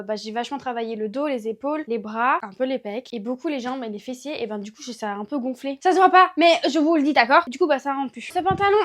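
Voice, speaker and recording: A young woman chatting casually to camera as a vlogger, self-mocking and thinking aloud. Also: high voice. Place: bedroom by her wardrobe.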